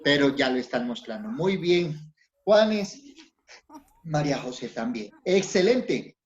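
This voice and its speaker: A man's voice: on the high side, animated, slow pace. A man teaching an online class to young children, patient and encouraging, asking lots of questions. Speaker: primary school teacher. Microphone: video call. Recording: dull lo-fi sound, faint noise.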